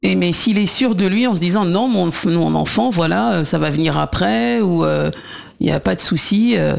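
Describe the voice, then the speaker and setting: Gravelly hesitant male radio host. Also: sits high. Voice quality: gravelly, hesitant with many pauses. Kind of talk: radio talk show interview.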